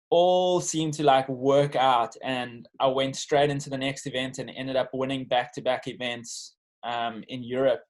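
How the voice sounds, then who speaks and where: South African man, casual and reflective. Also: medium pitch. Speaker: professional bodyboarder being interviewed. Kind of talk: casual interview storytelling.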